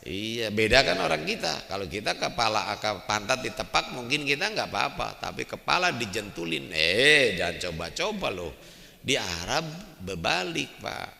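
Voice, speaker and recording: An older man preaching a storytelling sermon in a mosque, talking lively and turning to his listeners with "Pak". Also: medium pitch, normal speed, creaky. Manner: lively, addresses the men as "Pak". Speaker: Islamic preacher. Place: mosque hall. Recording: long echo of a mosque hall.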